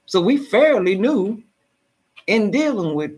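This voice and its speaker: A man's voice: sits high, very animated, slow, a little mellow, breathy edge. A man who keeps the minutes, talking earnestly and agreeably in a casual group discussion. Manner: earnest and agreeable, with small backchannel replies.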